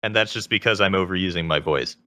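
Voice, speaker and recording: A man with a very low-pitched voice edged with vocal fry, speaking as a guest in a conversational interview. His tone is forceful and bright, and the sound is close and dry. He explains things in a measured way, adding qualifications as he goes. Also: no room sound. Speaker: interview guest, self-taught singer.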